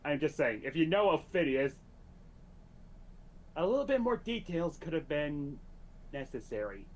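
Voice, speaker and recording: A man's voice: a little high, sing-song, unhurried. A man chatting casually on a reaction show, making dry, offhand remarks. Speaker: co-host.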